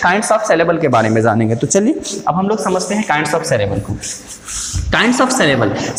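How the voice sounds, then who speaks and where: Male teacher in an echoey room. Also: high-pitched. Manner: asks the class questions and answers them himself, repeats key words slowly; calls listeners "dear" and "my brother". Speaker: English teacher. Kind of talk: online grammar lesson. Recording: echoey room with long reverb.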